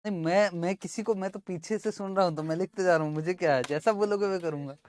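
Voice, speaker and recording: A man's voice: high voice, fast talker. A man teaching accounting in an informal lesson, casually working through the sums aloud.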